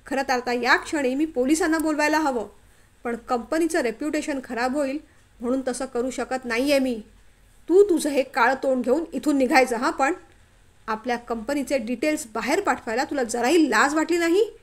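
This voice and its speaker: A harsh, furious office boss barking orders in a storybook reading, as a woman narrator puts him on. The voice sits high and loud, stern and accusing. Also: normal speed. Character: angry middle-aged male office boss, harsh.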